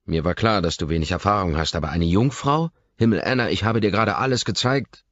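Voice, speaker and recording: A man's voice: fairly low pitch, expressive, moderate pace, breathy edge, lo-fi sound, voice pushed up. A man playing an intense, controlling young man. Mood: pressing, agitated.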